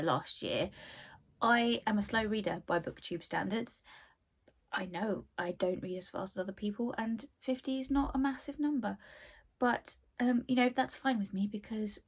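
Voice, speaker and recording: Croaky with a cold, a young book-channel host rambles casually about books she loves, full of asides, in a relaxed review chat. Her voice is medium-pitched and moves at a moderate pace.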